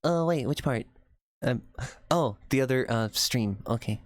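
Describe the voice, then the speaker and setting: Animated woman streaming a game. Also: very deep voice, a little slow, background noise. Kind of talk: casual livestream chat while reading a game.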